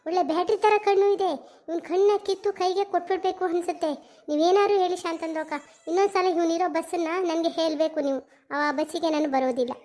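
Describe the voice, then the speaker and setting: A performer voicing a sharp-tongued, hot-tempered young village woman who scolds in a shrill cartoon voice with a Mysore Kannada accent. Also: fairly even intonation, fast. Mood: angry scolding.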